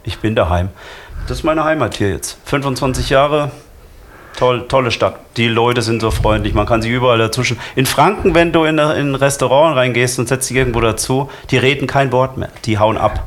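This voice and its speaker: A man from Lower Franconia, a guest chatting casually about carnival plans with many hesitations. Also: brisk, a little hiss or hum. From Lower Franconia, Germany. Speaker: carnival club member, guest. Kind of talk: casual radio chat.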